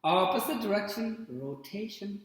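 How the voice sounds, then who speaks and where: A man guiding a yoga class with calm, short spoken cues and pauses between them. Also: high voice. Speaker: yoga instructor. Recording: very echoey room with long reverb.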